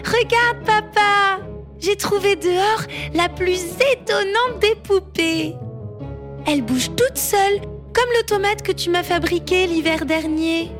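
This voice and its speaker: A woman voicing a little giant girl with a high, childlike voice. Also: slow pace, music in the background. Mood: excited.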